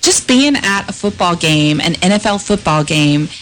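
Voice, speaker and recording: A woman's voice: on the low side, expressive, moderate pace, slight background noise, low-quality recording. A woman from the Northeast US, chatting on local radio in an upbeat, promotional way about base events. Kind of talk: casual radio chat.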